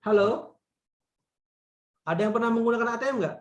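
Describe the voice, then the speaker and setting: A man's voice: very high voice, brisk, echoey room. A man teaching an online class, checking whether students can hear him while his voice keeps breaking up from a bad connection. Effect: choppy, cutting-out audio from a bad connection. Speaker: university lecturer. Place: campus building.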